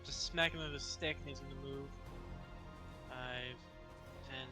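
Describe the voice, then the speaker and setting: A man's voice: mid-range voice, fairly even intonation, a little slow. A man playing a tabletop roleplaying game, casually describing what his character does. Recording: music behind the voice.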